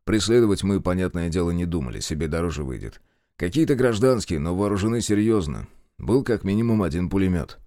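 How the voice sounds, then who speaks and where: A man's voice: low voice, animated, brisk, dark tone, dry recording. A man doing a wry, weary officer. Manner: dry, wry, understated.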